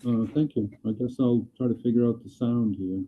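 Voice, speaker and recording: A man's voice: medium pitch, fairly even intonation, moderate pace. A man from airport staff explaining an item at a meeting over a remote computer call, his voice muffled and underwater-sounding, as if heard through a wall, in a plain, matter-of-fact way with some hesitations. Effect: muffled, underwater-sounding remote call audio. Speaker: airport staff reporting to a county commission. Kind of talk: meeting business talk. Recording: muffled tinny call audio.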